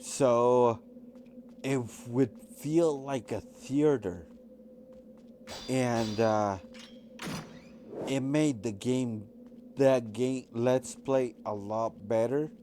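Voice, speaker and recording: A man's voice: mid-range voice, drawn-out words, long pauses, mellow, a little hiss or hum. A man casually telling rambling personal stories while commenting over gameplay, with lots of fillers and restarts. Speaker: gaming channel host.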